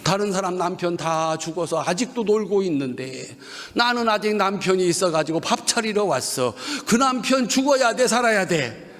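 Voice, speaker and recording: A man's voice: high voice, normal speed. A man preaching at an evening revival service with a Chungcheong Korean accent, leading the congregation in call-and-response lines. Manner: animated, leads the congregation in call-and-response repetition. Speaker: guest pastor. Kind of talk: revival sermon. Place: church sanctuary during an evening revival service. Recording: long reverb of a church hall.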